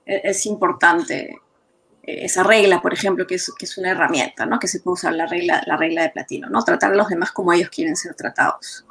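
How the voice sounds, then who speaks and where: A woman, explaining cultural sensitivity in therapy in a calm conversational manner. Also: lowish voice, brisk, gravelly, a little hiss or hum. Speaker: guest therapist. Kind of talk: professional conversation.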